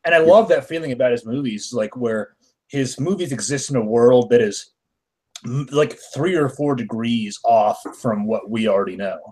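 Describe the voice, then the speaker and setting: A man's voice: mid-range voice, normal speed, a little mellow. Laid-back man in casual podcast chat. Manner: loose and casual, swears offhandedly. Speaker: podcast co-host.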